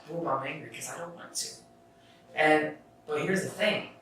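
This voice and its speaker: A man's voice: a little high, moderate pace. A young man hosting a casual self-help podcast, rambling through his thoughts with restarts and casual swearing. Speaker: podcast host. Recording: echoey room, far from the mic, faint noise.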